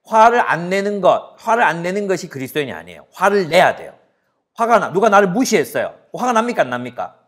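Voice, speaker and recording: A male pastor in his forties delivers a sermon to students. His voice sits fairly high for a man and swings widely in pitch. He keeps throwing questions at the room and briefly acts out bickering scenes. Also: fast. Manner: animated, asks the audience questions, acts out quarrels.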